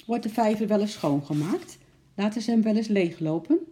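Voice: mid-range voice, expressive, normal speed, warm tone, slight background noise, pitched above the performer's own voice, natural voice. A storyteller voicing an upset, polite well-to-do lady who speaks formally and anxiously.

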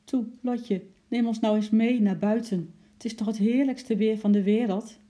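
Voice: mid-range voice, fairly even intonation, moderate pace, warm tone, pitched above the performer's own voice, natural voice. A storybook reader voicing a cheeky young male chimpanzee who is eagerly pleading to go outside. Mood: coaxing. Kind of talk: children's audiobook reading.

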